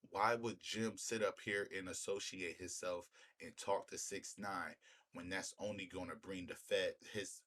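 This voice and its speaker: A male commentator hosting a reaction video speaks in a low-pitched voice with a fairly bright tone. His opinionated street-talk commentary is emphatic and repetitive, peppered with rhetorical questions.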